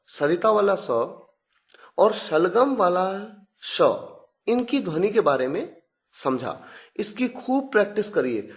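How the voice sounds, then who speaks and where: A woman leads a scripted pronunciation lesson and spells out each word letter by letter. She talks at an unhurried pace, and her pitch rises and falls a lot as she stresses the sounds. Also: darkish tone. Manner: slow, deliberate, spells words out letter by letter. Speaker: English pronunciation teacher.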